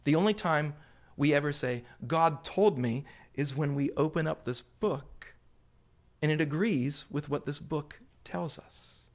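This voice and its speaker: A man preaching a sermon to a congregation, explaining scripture in deliberate, emphatic phrases with pauses, repetition and rhetorical questions. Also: a little high. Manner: rhetorical questions put to listeners. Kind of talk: sermon, Bible exposition to a congregation.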